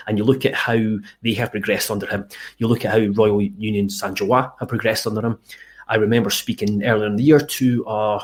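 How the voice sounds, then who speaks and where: A football journalist, a man, talks alone on a stream and works through fans' questions. His voice sits a bit low. He thinks aloud and often breaks off to restart a sentence. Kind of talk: solo live stream talk.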